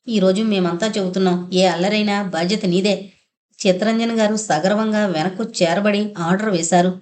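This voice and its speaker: Woman narrator for an audiobook, steady storytelling read, mid-pitched voice, dialogue kept in her own voice. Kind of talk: reading a novel aloud, voicing all characters.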